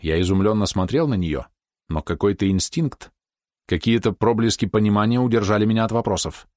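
A man reading a novel aloud in first person, with measured, steady storytelling. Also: lowish voice, no room sound, studio quality. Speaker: audiobook narrator. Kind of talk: scripted first-person narration.

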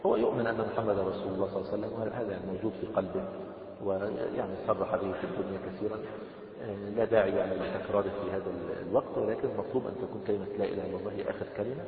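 A man with an Egyptian accent gives a religious lesson in rapid, lowish speech, reading passages slowly and then unpacking them casually. His voice comes from far off in a hall with long reverb, through a thin, phone-like recording. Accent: Egyptian Arabic. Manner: reads a passage slowly, then explains it quickly in colloquial speech. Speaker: religious teacher. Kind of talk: explaining a jurisprudence text in a lesson.

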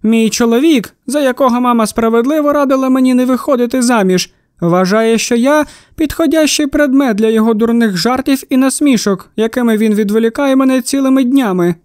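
A man voicing a huge, loud, ill-tempered shopkeeper's wife who snaps and grumbles in a storybook reading. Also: brisk, few pauses, dry recording, clean studio sound. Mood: grumbling. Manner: booming, snapping complaints.

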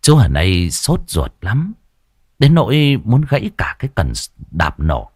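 A man narrating a scripted ghost story in a lively, expressive way. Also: fairly low pitch, measured pace, slightly rough, no room sound, studio quality.

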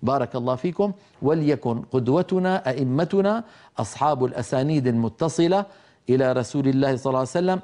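Mellow-voiced man teaching Quran recitation. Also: medium pitch. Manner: explains then demonstrates pronunciation, chanting verses slowly. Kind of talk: tajweed lesson.

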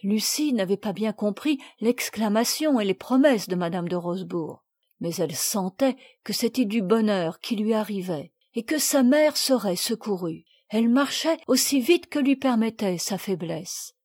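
A woman reading a classic children's novel aloud with measured, expressive storytelling. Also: mid-range voice, breathy edge, no room sound, studio quality. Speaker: audiobook reader.

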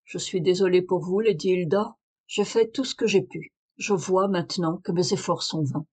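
A woman reader voicing a calm, authoritative male detective in a French audiobook, measured and firm. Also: lowish voice, natural voice. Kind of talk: audiobook reading of a detective story.

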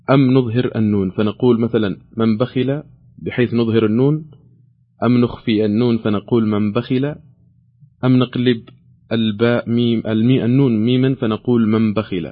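A man's voice: medium pitch, little pitch movement, quick pace, phone-quality sound. A man hosting a call-in quiz, reading questions aloud and patiently repeating the options. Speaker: quiz show host.

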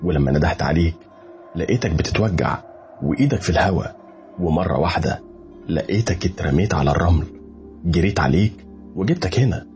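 A man's voice: deep voice, animated, brisk, pauses often, a little mellow, soft background music. A man playing a loyal young male friend who talks in an anxious, caring way, with an Egyptian Arabic accent. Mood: explaining.

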